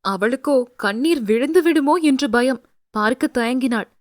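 A woman's voice: high-pitched, expressive, normal speed, dry recording. Woman reading an audio novel, dry close sound. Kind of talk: scripted narration.

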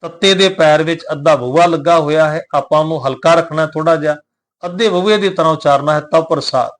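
A man teaching the correct recitation of scripture, chanting verses slowly and deliberately, then explaining them plainly and respectfully to his listeners. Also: fairly high pitch. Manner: addresses listeners respectfully and humbly.

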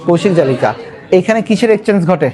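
A man teaches biology with a Bangladeshi Bengali accent, his voice sitting notably high. He runs the lesson as call-and-response, firing the same questions repeatedly and calling for louder answers. He slips English words into his explanations. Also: lively intonation, fast talker, a crowd in the background. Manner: drills students with repeated questions, urges them to answer louder.

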